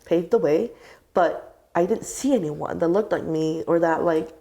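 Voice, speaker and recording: A woman's voice: on the low side, moderate pace, gravelly, dark tone. A woman raised in the United States, a community organizer, speaking reflectively and searching for words in a panel conversation.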